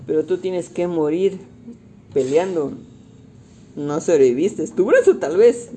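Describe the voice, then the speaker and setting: A young man with a Mexican accent, casually recapping a movie in slangy, animated talk and acting out the quotes. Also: a little high, slow, a little hiss or hum. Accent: Mexican Spanish.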